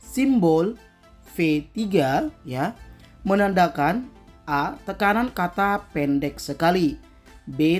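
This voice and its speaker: A teacher reading out quiz questions and answer choices one by one, then explaining each answer, often tagging "ya" after it. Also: mid-range voice. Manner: slow, deliberate reading of answer options, tag "ya" after answers.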